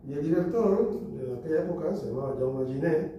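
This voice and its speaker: A man from Equatorial Guinea, the author at a book talk, answering questions with a relaxed, anecdotal storytelling manner. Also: a little high, a little fast, lo-fi sound. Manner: relaxed storyteller, acts out dialogue. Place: lecture hall at a cultural society. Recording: echoey hall, distant, noisy.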